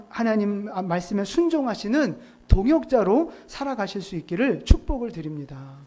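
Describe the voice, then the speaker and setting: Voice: medium pitch, mellow. Korean pastor preaching conversationally. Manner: conversational preaching with rhetorical questions to the congregation. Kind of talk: sermon. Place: church sanctuary.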